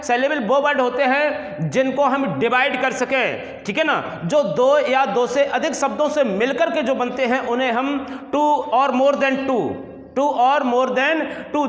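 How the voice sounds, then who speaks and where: A man's voice: very high voice, fairly bright tone. A male teacher giving a grammar lesson, spelling words out letter by letter and often checking that students follow. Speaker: English teacher. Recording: echoey room with long reverb.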